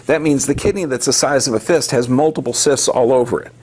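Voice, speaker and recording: A man's voice: mid-range voice, brisk, darkish tone. A man giving an emphatic health lecture to a live audience, firing off rhetorical questions and answering them himself.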